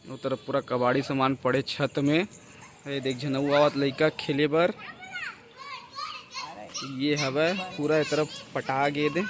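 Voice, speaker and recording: A man's voice: mid-range voice, level tone, slow pace, long pauses, noisy background. A man with a Chhattisgarhi accent narrating a casual family vlog outdoors, chatting to viewers as friends while showing his home. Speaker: vlogger host. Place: outdoors around a house and rooftop. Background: background music.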